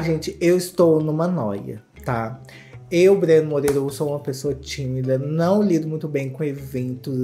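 A Brazilian man narrates a comedic reaction, his delivery campy, exclamatory and full of gossip. His voice is mellow and soft-edged. Faint music plays underneath. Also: fairly high pitch. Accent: Brazilian Portuguese. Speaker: YouTuber host.

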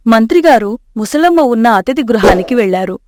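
A woman narrating a scripted storybook tale in a steady, measured way. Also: fairly high pitch.

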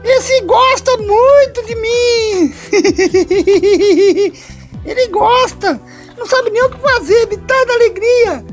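A tiny toy doll with a Brazilian Portuguese accent, whose voice sits extremely high and squeaky. He drags his words out slowly in a whiny, tearful plea. Faint music plays behind him. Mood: giddy delighted. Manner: whiny, tearful pleading with frequent giggles. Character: squeaky little male toy doll, needy and eager for friends. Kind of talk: comic voice-over for a home video.

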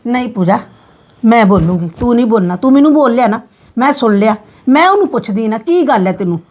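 A middle-aged woman playing a soft-hearted grandmother who placates her daughter-in-law and dotes on her granddaughter. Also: a little high, lively intonation, quick pace. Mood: soothing. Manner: soothing, placating, affectionate. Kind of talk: scripted family drama.

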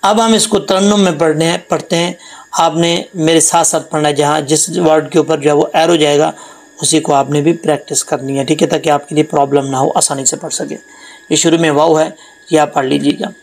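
A man teaching Quran tajweed, explaining letter sounds patiently and repeating them slowly. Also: on the high side, fairly even intonation, poor audio. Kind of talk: Quran tajweed lesson with recitation.

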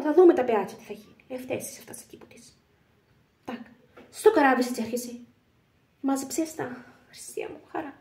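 Gossipy lady ranting on the phone in a comedy bit, mellow voice, echoey room. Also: a little high. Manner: gossipy, fussing then threatening. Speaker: comedic phone-call character. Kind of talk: comedy sketch monologue.

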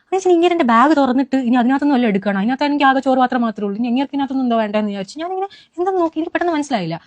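In her own words, a young Keralan woman animatedly describes what happened to her as an eyewitness. She speaks quickly with many restarts; her voice is high and the audio has no echo.

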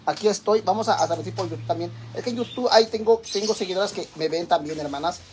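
Loud, swearing Mexican man livestreaming. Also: high voice, quick pace. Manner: loud, chatty, swears freely, keeps addressing fans as sisters. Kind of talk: casual livestream chat. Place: home, indoors, doing chores. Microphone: phone. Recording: noisy phone livestream audio.

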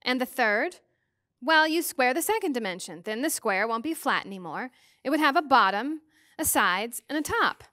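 A woman's voice: sits high, expressive, moderate pace, bright, forceful tone, dry recording, clean studio sound. A woman voicing a stubborn, anxious young teenage girl who sounds frustrated and unsure.

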